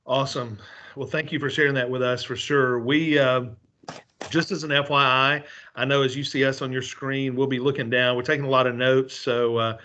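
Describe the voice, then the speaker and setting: A man's voice: mid-range voice, flat delivery, normal speed, pushed and bright. A man chairing a school board interview, speaking hesitantly with repeated words and many uhs over a video call. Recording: dull video-call audio.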